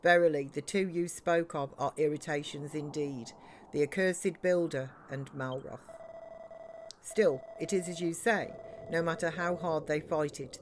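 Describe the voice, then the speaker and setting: A woman voicing a scheming villain with slow theatrical menace, reading out game dialogue. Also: low-pitched, slight background noise. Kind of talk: game dialogue read aloud.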